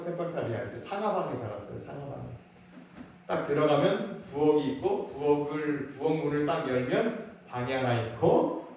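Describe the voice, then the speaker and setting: A man's voice: fairly high pitch, darkish tone. A middle-aged male pastor preaching a sermon, telling a childhood story and asking the congregation rhetorical questions. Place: church sanctuary. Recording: very echoey church hall from a distance, faint noise.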